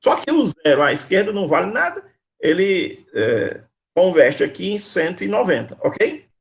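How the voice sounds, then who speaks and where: A man's voice: sits high, sing-song, normal speed, creaky. A man teaching a university class over a video call. He quizzes his students, calls on them by name and repeats his questions patiently. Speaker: university lecturer.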